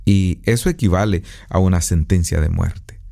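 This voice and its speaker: A man in his fifties delivers an earnest radio sermon in a very low, gravelly voice with a dark, mellow tone. He speaks pastorally from a studio recording booth, pacing his words with pauses. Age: 50s. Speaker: radio preacher. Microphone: studio microphone.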